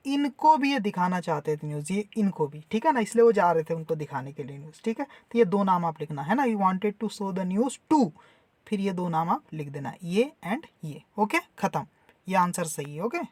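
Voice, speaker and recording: A man teaching a school lesson, reading English lines slowly and then explaining them patiently in Hindi. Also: sits high, expressive, no room sound. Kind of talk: explaining a textbook lesson to students.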